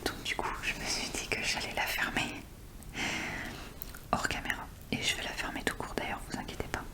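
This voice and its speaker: A woman doing informal, soft-spoken ASMR show and tell in a breathy whisper, close and intimate as if right in the ear. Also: moderate pace. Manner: informal, chatty. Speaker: ASMR video creator.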